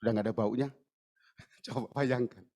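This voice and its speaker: A man's voice: mid-range voice, normal speed. A middle-aged man, a pastor, preaching at a church service and telling a personal story with acted-out dialogue. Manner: lively storyteller, acts out dialogue in raised voices. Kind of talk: sermon with storytelling.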